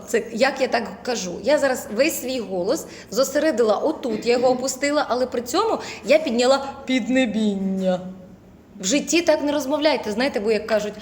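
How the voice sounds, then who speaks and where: Woman voice-acting teacher, high, echoey lecture room with faint noise. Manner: lively, demonstrative, often shifts voice for examples.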